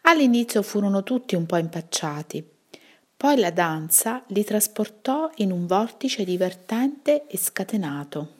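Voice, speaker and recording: A woman reading a bedtime story to children, gently recapping the plot for young listeners. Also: mid-range voice, lively intonation, unhurried.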